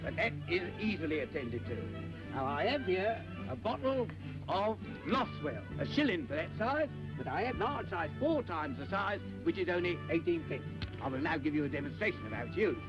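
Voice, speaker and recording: An actor playing a brash street huckster who delivers pompous, mock-learned lecturing patter in an old film. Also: male voice, a little high, sing-song, moderate pace, over music, low-quality recording. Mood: smooth salesmanship. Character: brash fast-patter street huckster selling toothpaste and hair tonic. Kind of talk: old film acting, street sales pitch.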